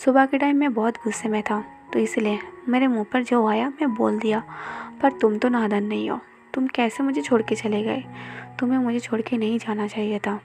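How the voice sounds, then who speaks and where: A woman voicing a quick-tempered young man who scolds and quarrels, telling the story in Hindi. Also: a little high, creaky, a little mellow. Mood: longing.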